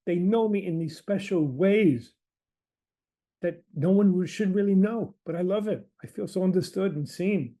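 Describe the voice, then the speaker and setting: A man putting on the voice of an emotional woman patient recounting her lovers, excitable and gushing. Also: high voice, moderate pace, voice pushed up, natural voice. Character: emotional woman patient, adoring then betrayed.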